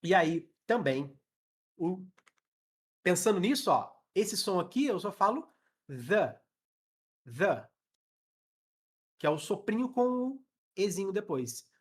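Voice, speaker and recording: Man lively Brazilian English teacher online. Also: high-pitched, a little slow. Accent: Brazilian Portuguese. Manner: lively, demonstrates sounds, constantly checks in with students. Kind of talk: live online class. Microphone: webcam.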